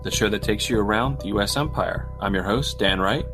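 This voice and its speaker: A male podcast host with a lowish voice reads a scripted show opening. Clear guitar music plays underneath. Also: brisk. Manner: scripted intro, then casual questions. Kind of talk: podcast intro and interviewing.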